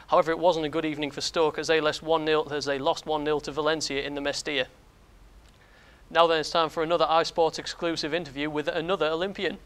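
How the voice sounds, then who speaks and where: A male sports presenter reads scripted news at a quick clip. His voice is a touch high, and he slips over a word now and then. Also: fairly bright tone, clean tone. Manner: brisk read, occasional slips.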